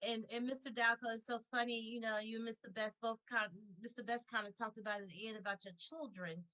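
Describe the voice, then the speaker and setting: A woman's voice: on the high side, steady tone, quick pace, sharp tone, highs cut off. An older woman hosting a company video call, chatting casually and telling a playful, laughing story.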